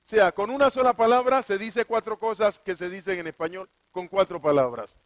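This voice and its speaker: A man's voice: high voice, a little fast, dry recording. A male preacher reading scripture aloud and explaining it, constantly asking his listeners questions, answering them himself and repeating key phrases for emphasis.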